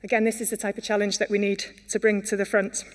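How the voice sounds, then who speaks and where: Speaking quickly and flatly in a mid-range voice, a woman from Wales gives a sincere conference presentation. She often stumbles with fillers and restarts, and the hall adds a long reverb to the recording.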